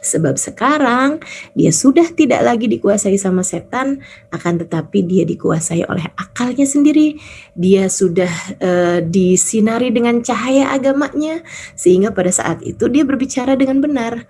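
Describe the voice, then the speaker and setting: A woman's voice: fairly high pitch, animated, moderate pace, a little mellow, slight background noise. A woman preacher, giving a casual sermon and telling stories while acting out the people in them. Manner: chatty storytelling, acts out quoted voices.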